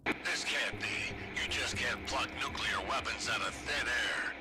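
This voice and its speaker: A man's voice: mid-range voice, a little slow, over loud music, natural voice. An actor playing a fatherly, concerned army colonel in a video game, speaking formally like a military officer. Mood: grave disbelief. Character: grave, fatherly older male army colonel.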